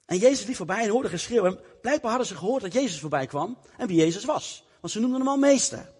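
A man preaching a sermon, telling a Bible story in a lively way and acting out its people. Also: high voice, fast talker, husky. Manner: lively storytelling, acts out the characters. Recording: long reverb of a hall.

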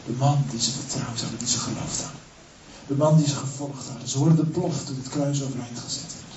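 A man's voice: mid-range voice, fairly even intonation, fast talker, darkish tone. A male pastor preaching a sermon with dramatic storytelling and rhetorical questions. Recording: echoey church hall, distant dull mic, noisy.

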